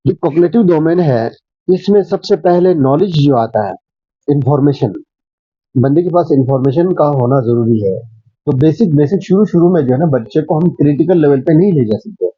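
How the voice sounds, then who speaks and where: A man from Pakistan, a school principal, talks through his answers in a patient, teacherly way, stacking up examples and pausing on fillers. His voice sits fairly high for a man. The sound is dry and a little muffled. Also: lively intonation, husky, no room sound. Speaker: school principal, interview guest. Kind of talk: conversational interview answer.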